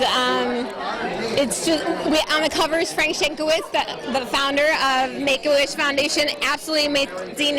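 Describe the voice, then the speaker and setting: A woman speaks in a high voice as an interview guest on a red carpet. Her answers are casual, enthusiastic and gushing. A crowd is clearly heard behind her. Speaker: pageant titleholder and magazine editor. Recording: event crowd in large room.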